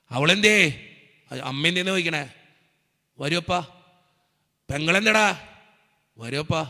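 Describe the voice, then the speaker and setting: Fast, bright-voiced Malayali priest preaching. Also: male voice, on the high side, big-room sound. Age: young adult. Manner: earnest storytelling, acts out dialogue. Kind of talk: emotional sermon testimony.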